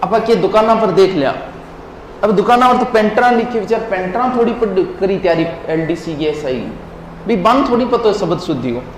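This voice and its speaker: Male teacher, high-pitched, lecturing and quizzing listeners; echoey hall, faint background noise. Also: expressive, normal speed. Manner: drills words syllable by syllable, quizzes listeners. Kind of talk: classroom lecture.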